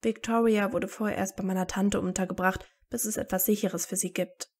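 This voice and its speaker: A woman's voice: mid-range voice, fairly even intonation, moderate pace, slightly rough, lightly acted. A woman reading aloud and voicing a tired teenage boy wizard who talks dryly and sarcastically. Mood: wry, tired. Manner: dry and sarcastic.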